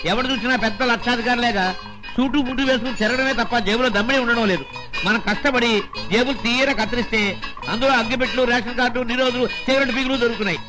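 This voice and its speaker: Comic lead: a cocky young pickpocket, high-voiced, full of banter, score underneath. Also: male voice, fairly even intonation, fast, poor audio. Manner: cheeky, joking banter, mock wailing. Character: cocky, witty male pickpocket, young adult. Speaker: pickpocket lead in a comedy film. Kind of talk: 1980s Telugu film comic acting. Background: film music.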